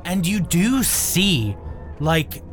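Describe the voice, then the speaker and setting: A man improvising tabletop game narration as game master, descriptive and halting, with drawn-out pauses. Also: high voice, very animated. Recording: faint music behind.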